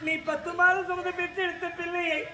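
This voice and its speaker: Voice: extremely high pitch, little pitch movement, a little fast, sharp tone, heavily acted. A performer in a stage drama playing a remorseful woman who comforts and confesses in declamatory lines. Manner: consoling, then guilt-ridden and declamatory. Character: remorseful woman who took another's baby. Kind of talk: Tamil stage drama acting. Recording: echoey distant stage recording with music.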